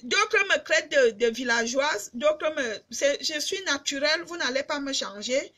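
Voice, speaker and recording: A woman's voice: sits high, expressive, normal speed, fairly bright tone. Emphatic Cameroonian woman on a live stream. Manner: emphatic, repetitive, addresses fans directly. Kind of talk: casual live-stream chat.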